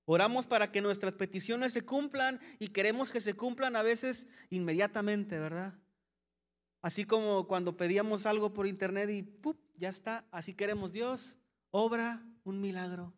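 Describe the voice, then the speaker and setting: A pastor delivers a sermon in a high, light voice. He acts out worried questions to God, then eases into gentle, reassuring answers. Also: moderate pace. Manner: preaching with voiced-out anxious questions and soft calming asides.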